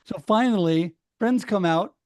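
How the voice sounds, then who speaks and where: A middle-aged man from Oregon, telling a personal story in a casual, animated way on a video call and acting out what other people said. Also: sits high, a little slow, dry recording, studio quality. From Oregon, United States. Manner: animated, acts out other people's words, laughs often. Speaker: speaker sharing his story.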